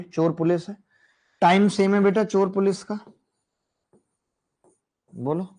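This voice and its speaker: A man teaching math in a lively classroom lecture, addressing students directly and playfully. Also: fairly high pitch.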